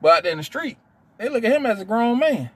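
A middle-aged man, chatting casually as a podcast host and telling stories in an animated way. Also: very high-pitched, fast, slightly rough, no echo. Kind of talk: casual storytelling chat.

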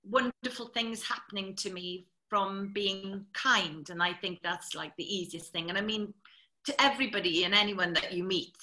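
A woman's voice: mid-range voice, rough recording. A woman, a TV presenter, chattily telling stories as an interview guest. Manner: chatty, lively storyteller. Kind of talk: anecdotal storytelling.

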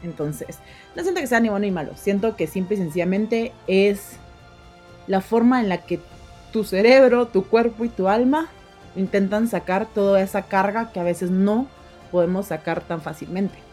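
A woman's voice: medium pitch, moderate pace, faint music behind. A young woman, chatting as a podcast guest and acting out the voices in her stories. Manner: animated storyteller, acts out quoted voices. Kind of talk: casual podcast chat.

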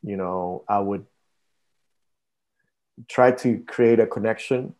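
Male pastor from Costa Rica, mellow low voice, halting interview delivery. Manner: hesitant, many fillers and restarts. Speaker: pastor, guest. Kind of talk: casual interview talk.

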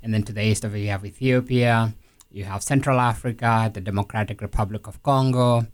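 A man's voice: fairly low pitch, fairly even intonation, a little fast. A man from South Sudan speaking as an interview guest, thoughtful and hesitant with many fillers and restarts. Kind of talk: conversational interview.

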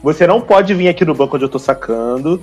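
A man voicing a young woman who calmly lays out a plan, in a mocking, matter-of-fact tone. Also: on the high side, quick pace, lo-fi sound, soft background music.

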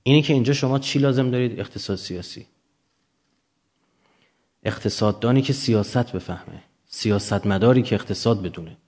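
A man's voice: mid-range voice, pauses often, darkish tone, husky. A man lecturing off the cuff to students, didactic, often posing questions and answering them himself.

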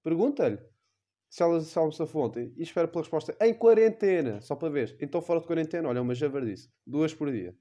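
A man's voice: a little high, lively intonation, fast talker, dark tone, voice pushed up, natural voice. A man putting on the voice of a cheeky young woman boasting about cheating, in a mocking comedic impression. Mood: brazen.

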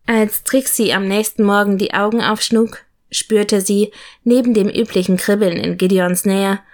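A woman narrating an audiobook in a lively, expressive reading. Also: medium pitch.

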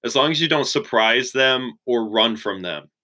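A young man in his twenties chatting casually as an interview guest, relaxed and full of "like" fillers. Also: medium pitch, moderate pace, rough recording. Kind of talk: casual chat.

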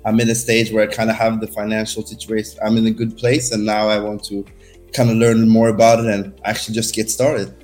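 A man's voice: lowish voice, monotone, a little fast, darkish tone, soft background music. A man in his thirties from Norway, a podcast guest talking casually with many fillers. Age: 30s. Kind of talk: casual conversation.

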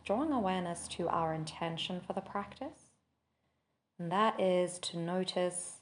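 Guiding a body scan, this woman, a meditation teacher who also hosts a podcast, uses a lowish voice. Her delivery is very slow and gentle, and every measured instruction is followed by a long, unhurried silence.

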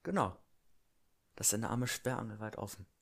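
A man's voice: on the low side, expressive, normal speed, vocal fry. A man co-hosting a casual podcast chat, playful and teasing, often laughing. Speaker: podcast co-host.

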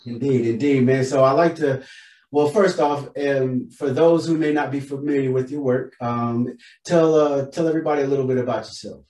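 Male interview host, mid-pitched, laid-back and appreciative, roomy echo. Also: moderate pace, warm tone. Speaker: podcast host. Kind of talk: interview hosting.

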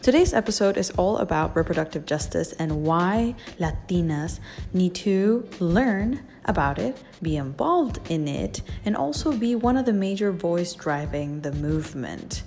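Fuzzy distorted audio, woman, podcast host, lowish pitch, casual and enthusiastic. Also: animated, unhurried, darkish tone.

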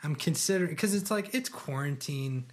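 A man's voice: on the high side, lively intonation, normal speed. Laid-back young man co-hosting a podcast. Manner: laid-back, playful, laughs along. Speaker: podcast co-host. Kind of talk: casual comedic banter.

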